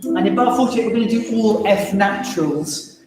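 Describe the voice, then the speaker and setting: Wry choir conductor in echoey hall. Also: male voice, high voice, darkish tone, a little hiss or hum. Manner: brisk, wry and encouraging, sings phrases to demonstrate. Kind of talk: choir rehearsal instruction. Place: large echoey rehearsal hall. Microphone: distant room microphone. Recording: echoey hall from far off, faint music.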